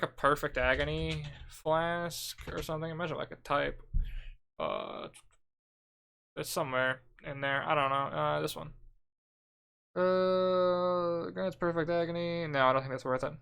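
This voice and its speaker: A young man with a bright, forceful voice talks through a game guide in a loose, offhand way. His tone is smooth and crisp, close on a desk mic. He swears here and there without slowing down. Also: mid-range voice. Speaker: gaming content creator. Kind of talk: casual gear guide talk.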